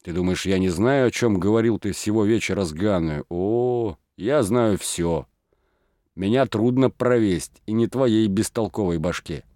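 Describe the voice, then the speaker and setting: A man's voice: fairly low pitch, unhurried, dark tone, no echo, studio quality, natural voice. A man voicing a middle-aged village woman who scolds and accuses in an audiobook reading. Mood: furious.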